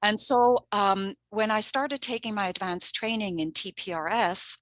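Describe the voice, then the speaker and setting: Speaking a little slowly in a medium-pitched, slightly bright voice, this language coordinator from Switzerland runs a language-teaching workshop. She's middle-aged, a native Swiss German speaker, earnest and chatty with frequent laughter, and there's no echo.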